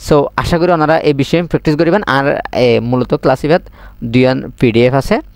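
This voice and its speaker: A man with a Chittagonian accent teaching beginner spoken English, drilling words slowly and asking the listener to repeat them. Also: medium pitch, dry recording.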